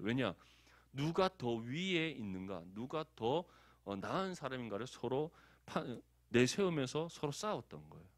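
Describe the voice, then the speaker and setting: A man's voice: medium pitch, no echo, studio quality. A man from Daegu with a Gyeongsang accent, preaching a conversational sermon as pastor. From Daegu, South Korea. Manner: conversational, animated, asks the congregation for agreement.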